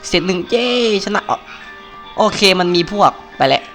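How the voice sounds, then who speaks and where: A man's voice: sits high, normal speed, a bit bright. A young man commentating live over a game, talking casually into a home mic. He stays chatty and playful, with frequent exclamations and jokes at what happens on screen. Game sounds and faint music run beneath his voice. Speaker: gaming channel host. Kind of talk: live Let's Play commentary. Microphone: home mic, recorded live over gameplay.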